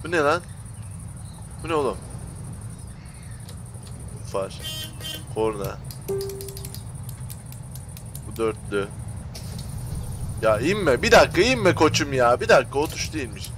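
A man's voice: mid-range voice, animated, measured pace, pauses often, fairly bright tone, a little hiss or hum. A young man commentating on a game he is playing, talking to viewers in a slangy, exasperated way. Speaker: gaming YouTuber. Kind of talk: gameplay commentary.

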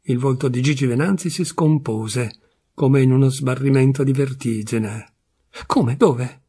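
A man narrating a classic short story in a measured, expressive manner; his voice is husky. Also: mid-range voice. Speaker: reader. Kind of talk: literary audiobook narration.

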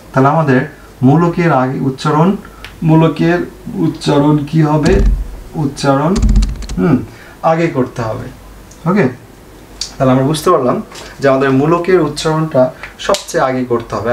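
A male chemistry teacher giving an online lesson, asking questions and answering them himself and repeating the key points. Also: fairly high pitch. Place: home room, fan switched off. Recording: echoey room, faint noise.

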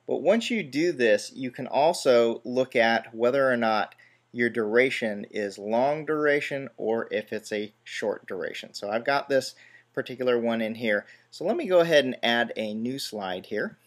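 A man explaining software steps one by one in a relaxed screen-recorded tutorial, with small self-deprecating asides. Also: medium pitch, normal speed. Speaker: tutorial host.

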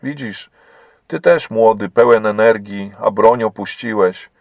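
Man voicing a grieving old believer woman, low voice, measured, sad, dry close sound. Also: creaky, no room sound. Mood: sorrowful. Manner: sorrowful, measured storytelling.

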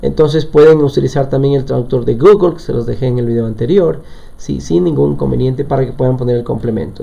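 A man's voice: medium pitch, gravelly, warm tone, muffled recording. A man teaching a live online language lesson, explaining step by step and often checking in with his students. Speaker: English teacher.

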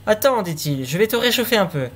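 A bold young hero who can't be frightened, as a man puts him on. He sounds cheeky and unbothered, pitched noticeably above the storyteller's own voice, like a storybook reading. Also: big pitch swings, a little fast, fairly bright tone, exaggerated voice. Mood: carefree. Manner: carefree, cheeky. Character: fearless cheerful young man seeking fright.

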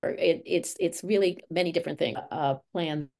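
A woman's voice: lowish voice, moderate pace, vocal fry, darkish tone. A woman on a video call in a board meeting, her audio breaking up and dropping out as she talks, hesitant and restarting her phrases. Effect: choppy, breaking-up video call audio. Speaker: board of health member. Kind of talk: remote meeting discussion.

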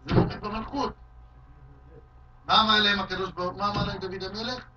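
A rabbi teaches a Talmud class in a study hall, his voice high and cutting as he tells the stories with lively drama. He is picked up from across the room on a dull, lo-fi recording. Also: distant mic. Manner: animated, acts out quoted shouts and cries. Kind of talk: Talmud lesson with storytelling.

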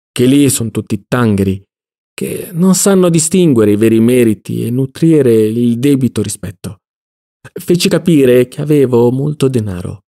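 A man reading an audiobook, voicing a cynical, mocking middle-aged male libertine in a low, soft drawl.

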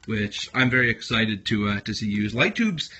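A man's voice: lowish voice, expressive, moderate pace, sharp tone. A young man from Canada talking casually into his phone camera, wry and rambling with lots of fillers and restarts. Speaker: vlogger. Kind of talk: casual vlog narration. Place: garage, then a barn wrestling show.

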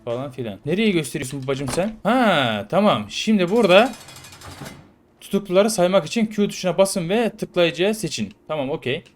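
A man playing a prison game and chatting casually over it, playful and slangy, now and then shouting loudly at the characters. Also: high voice, lively intonation, normal speed, faint music behind. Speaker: gaming YouTuber. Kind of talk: casual let's-play commentary.

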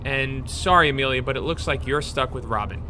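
A man's voice: mid-range voice, fairly quick, background noise, close to an everyday voice. An actor playing a strict, impatient male teacher who herds students onto a school bus, stern and dryly exasperated in an amateur audio drama. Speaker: teacher chaperone.

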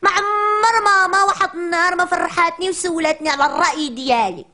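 A woman's voice: very high voice, quick pace, pushed and bright. A woman with a Moroccan accent playing a chatty, cheeky little preschool girl in a comic monologue, complaining in a whiny childish chatter.

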